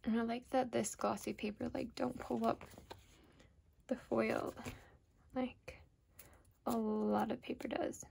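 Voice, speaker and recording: American woman, higher-pitched voice, casual rambling planner chat, self-deprecating, unhurried delivery, faint background noise. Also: little pitch movement, vocal fry, a little mellow. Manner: informal, self-deprecating, trails off mid-thought. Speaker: planner vlogger.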